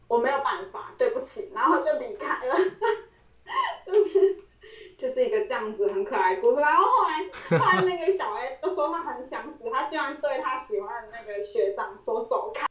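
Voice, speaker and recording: Animated woman telling a story. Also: fairly high pitch, recorded from a distance. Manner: animated, laughing often, acting out quoted lines. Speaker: podcast co-host. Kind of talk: casual storytelling chat. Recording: roomy echo, voice set back from the mic.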